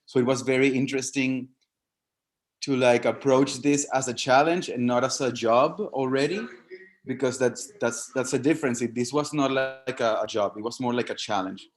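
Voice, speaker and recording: A man with a medium-pitched voice talks over a video call. He explains his thoughts carefully and at length. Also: moderate pace, soft background music. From Venezuela. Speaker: participant.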